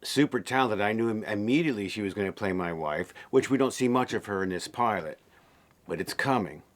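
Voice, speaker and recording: A man's voice: fairly low pitch, fairly quick. A film director talking casually and enthusiastically about casting his series, with frequent fillers. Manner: relaxed, enthusiastic, many fillers. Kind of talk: casual behind-the-scenes interview.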